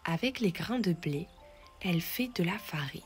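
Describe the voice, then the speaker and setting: A woman narrating a children's bedtime story in a soft, half-whispered, gentle voice. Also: lowish voice, expressive, moderate pace. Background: faint music.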